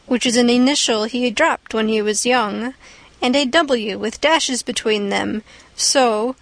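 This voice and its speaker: A woman voicing a stern old gentleman who questions in a firm, deliberate way. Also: a little high, no room sound.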